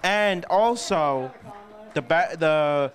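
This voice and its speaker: A man's voice: fairly high pitch, animated, extremely slow. Rambling young man recapping a convention. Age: young adult. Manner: rambling, with fillers and restarts. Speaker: host. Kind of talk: casual convention recap chat.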